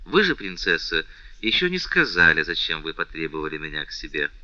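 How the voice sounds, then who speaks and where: A man playing a respectful, lovesick count who speaks with calm restraint, on a dull, dry recording. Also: a bass voice, brisk, no echo, pitched below the performer's own voice, exaggerated voice. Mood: restrained respectful.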